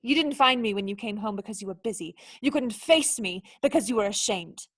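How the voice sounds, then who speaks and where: In a radio play, an actress voices a proud young noblewoman who is sharp-tongued, wounded, and indignant. Her speech is cutting and articulate, brisk and medium-pitched with lively intonation, and her mood is scornful.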